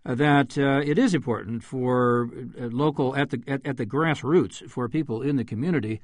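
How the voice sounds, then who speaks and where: A man's voice: medium pitch, no room sound. A man hosting a radio panel, asking questions with many fillers and stumbles. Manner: halting, stumbles over names, many fillers. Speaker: radio host.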